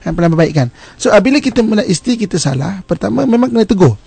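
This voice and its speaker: A man's voice: high-pitched, sing-song, very fast, vocal fry, darkish tone. A man with a Malaysian Malay accent, a religious teacher giving a radio talk on family life, laying out numbered points and tagging them with "kan?". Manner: explains in numbered points, with rhetorical "kan?" tags.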